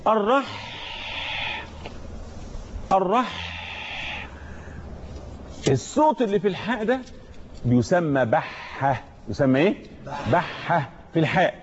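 A man with an Egyptian Arabic accent leads a tajweed lesson, breaking words down letter by letter and chanting each verse slowly for students to repeat. His voice sits fairly high for a man. The recording is dull and lo-fi. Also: a little hiss or hum. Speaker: Quran recitation teacher.

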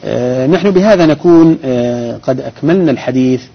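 A man teaching grammar on a call-in program, explaining patiently and methodically with pauses and restarts. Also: mid-range voice, creaky. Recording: dull broadcast audio.

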